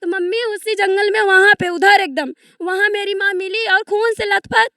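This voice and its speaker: Very high, tense grieving woman. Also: fairly even intonation, normal speed, sharp tone, dry recording, studio quality. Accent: eastern Uttar Pradesh. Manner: grief-stricken, agitated, pleading. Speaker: victim's daughter, interviewee. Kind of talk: emotional testimony to a reporter.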